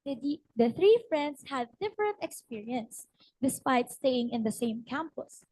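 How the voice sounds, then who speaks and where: A young woman tells a short story-style presentation at a ceremony, her somewhat high voice husky and strained. She pauses often with fillers as she goes. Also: animated, darkish tone, rough recording. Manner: hesitant with frequent fillers. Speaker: student practice teacher presenting. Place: ceremony hall.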